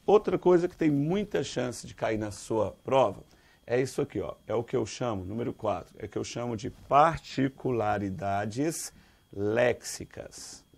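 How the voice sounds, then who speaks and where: A Brazilian man teaching Portuguese grammar for an exam, lively, quizzing his students with questions and calling them dear. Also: medium pitch, a little slow, vocal fry. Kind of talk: exam-prep grammar lesson.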